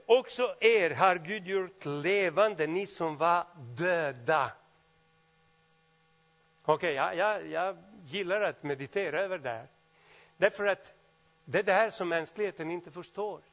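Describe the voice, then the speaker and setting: Male preacher, high voice, animated delivery, dull lo-fi recording. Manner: animated, swings from loud exclamations to quiet asides. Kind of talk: sermon.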